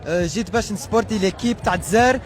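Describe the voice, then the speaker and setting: A young man with an American accent, a native English speaker, talking casually and haltingly in a street interview. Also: high voice. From United States. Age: young adult. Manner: halting, searching for words. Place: busy city square outdoors. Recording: street crowd, faint music behind.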